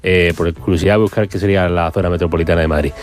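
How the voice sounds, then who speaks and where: A man, hosting a quiz segment in a radio show, teasing and quick. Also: sits low, steady tone. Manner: fast, teasing, self-mocking. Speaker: quiz host. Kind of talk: radio banter.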